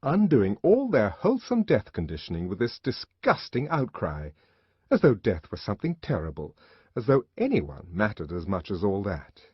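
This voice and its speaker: A man narrating a literary novel in a dramatic, expressive reading. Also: on the low side, slightly rough, no echo. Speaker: audiobook narrator. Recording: dull lo-fi audiobook recording.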